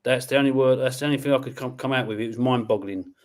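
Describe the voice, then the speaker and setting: A man runs a live koi auction over a stream, talking in a brisk, matter-of-fact way. He reads out lot details, starting bids and countdowns, with loose, casual chat in between. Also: mid-range voice, fairly even intonation, darkish tone. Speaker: auction host.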